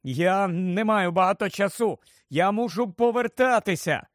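A man voicing an excited middle-aged wizard who has just become a father, talking loudly in a raised voice. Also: sits high, measured pace, no room sound, clean studio sound, pitched above the performer's own voice. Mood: warm. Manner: loud, breathless joy, raised voice.

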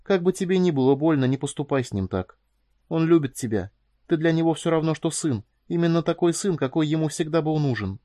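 A man's voice: on the high side, animated, a little fast, mellow, no echo, clean studio sound, pitched above the performer's own voice, close to an everyday voice. A man doing a frightened tearful young woman. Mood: pleading. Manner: raised, emotional, pleading. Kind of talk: audiobook character voicing.

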